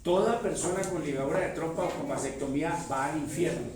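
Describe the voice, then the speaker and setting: A man's voice: fairly high pitch, brisk, a little mellow, slight background noise. A man teaching a church Bible seminar in a conversational way, often asking his listeners rhetorical questions and calling them affectionately. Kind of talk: classroom-style Bible teaching. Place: church hall. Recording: very echoey hall, voice from far off.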